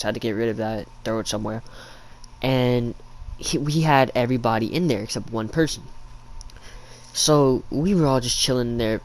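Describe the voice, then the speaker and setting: A young adult man rambling through a casual, slangy storytime as a YouTube storyteller, recorded in a living room at home. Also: mid-range voice.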